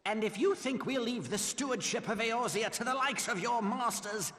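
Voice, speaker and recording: Papalymo, very high-voiced mage. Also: male voice, moderate pace, a bit bright. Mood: defiant, resolute. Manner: formal, old-fashioned, theatrical diction. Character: small, proper, scholarly male mage, fussy but steadfast. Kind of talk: video game cutscene voice acting. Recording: long reverb, faint music behind.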